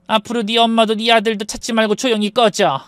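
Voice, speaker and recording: A man voicing a calm, menacing middle-aged mother who talks slowly and softly in a Korean story narration. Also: mid-range voice, dry recording, pitched above the performer's own voice, natural voice. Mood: coldly menacing. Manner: slow, soft and chillingly calm.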